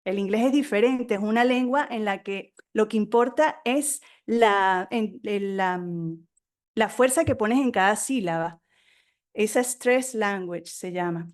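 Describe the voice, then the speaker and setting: A middle-aged woman, a native Spanish speaker, being interviewed as an author on a podcast, telling stories in a talkative, animated way. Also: mid-range voice. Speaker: guest author.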